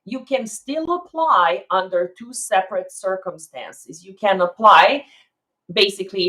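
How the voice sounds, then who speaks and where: A woman's voice: on the low side, a bit bright, low-quality recording. A woman immigration attorney answering viewers' questions on a live stream, explaining step by step and checking in with "okay?".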